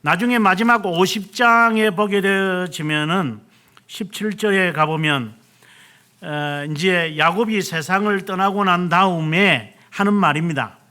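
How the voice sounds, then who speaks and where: A man's voice: sits high, measured pace, bright, forceful tone. A male pastor preaching a sermon, retelling scripture dramatically and acting out quoted lines. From South Korea.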